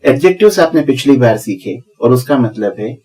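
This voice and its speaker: A man teaching a video lesson, explaining step by step and slowing down for examples, with a Hindi accent. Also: mid-range voice, lively intonation, mellow, poor audio. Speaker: English teacher.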